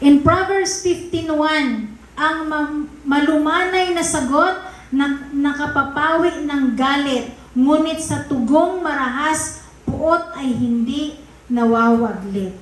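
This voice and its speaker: A woman's voice: high voice, slow. A woman pastor from the Visayas preaching a conversational sermon, emphatic and teasing her congregation. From Visayas, Philippines. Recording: very echoey church hall.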